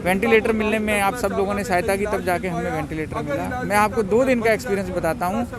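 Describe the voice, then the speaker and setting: Interviewee, man, high voice, agitated testimony, outdoor crowd noise. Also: fast. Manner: agitated, quotes others in dialogue. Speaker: relative of the deceased, interviewee. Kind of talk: testimony to a reporter. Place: outdoors at a cremation ground.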